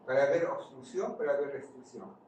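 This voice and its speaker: A man's voice: mid-range voice, moderate pace, a little mellow. A man giving a physiology lecture, quizzing the class and answering his own questions. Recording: far-off mic in an echoey room, noisy.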